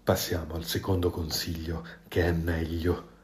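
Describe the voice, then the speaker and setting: A man voicing a sly, impatient male fox with a low, scheming, exasperated manner in a storybook reading. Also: flat delivery, measured pace.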